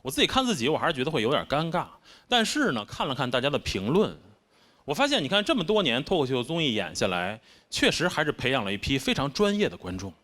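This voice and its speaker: A man's voice: mid-range voice, big pitch swings, fast talker, a bit bright. A man with a Beijing accent doing a stand-up comedy set, wry and self-mocking in his delivery. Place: stage before a live audience. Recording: constant background noise.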